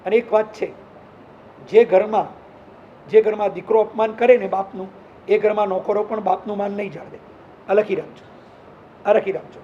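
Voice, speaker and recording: Monk preacher, male, high voice, emphatic, acts out stories; muffled lo-fi recording. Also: fairly even intonation, moderate pace, long pauses, a little hiss or hum. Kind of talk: sermon with storytelling.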